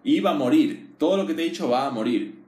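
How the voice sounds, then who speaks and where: A man explaining ideas one-on-one as a teacher, in a casual conversational way, often pausing to check that the listener follows. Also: a little high, animated, dark tone. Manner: frequent fillers and restarts. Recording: roomy echo.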